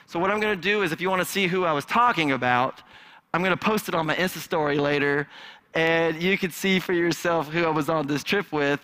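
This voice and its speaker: An animated male pastor telling a story from the pulpit with a bright, forceful voice. He acts out the voices of the people in his story, and his pitch sits a little high for a man. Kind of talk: sermon with personal story. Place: church sanctuary.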